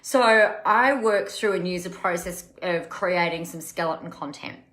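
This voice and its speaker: A woman hosts a casual live stream, chatty and emphatic and fond of repeating words for effect. Her voice is bright and forward and sits a little low. The sound has an echoey room around it. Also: a little slow. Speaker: coach and live-stream host.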